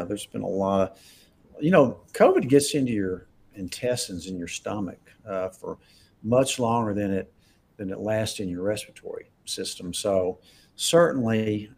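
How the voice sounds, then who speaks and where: A man's voice: on the low side, a little mellow, a little hiss or hum. A man, a doctor, answering viewer questions in a live Q&A, talking conversationally and emphatically with frequent chuckles. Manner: conversational, emphatic, laughs often.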